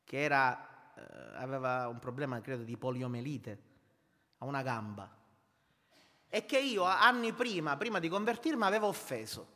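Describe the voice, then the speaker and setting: A man's voice: mid-range voice, animated, moderate pace, sharp tone, in a large hall. A man preaching a sermon, emphatic and repetitive, calling his listeners brothers. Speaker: pastor.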